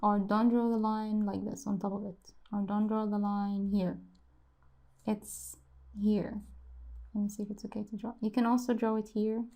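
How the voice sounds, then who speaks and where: A woman's voice: medium pitch, flat delivery, moderate pace, dark tone. A woman teaching how to write and pronounce letters in a casual lesson, repeating each sound many times and musing aloud as she draws. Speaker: language teacher.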